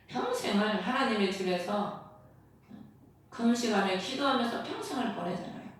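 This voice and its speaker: A woman's voice: a little high, a little hiss or hum. Woman preaching in an echoing hall. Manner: earnest preaching, asks rhetorical questions. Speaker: pastor. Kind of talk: sermon. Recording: echoey hall, voice from far off.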